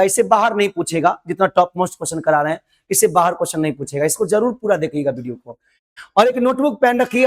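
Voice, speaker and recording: Casting: a male tutor with a high voice who repeats his explanations patiently for exam students. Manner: repetitive, coaxing explanation with English terms mixed in. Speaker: teacher. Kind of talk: online exam-prep lesson.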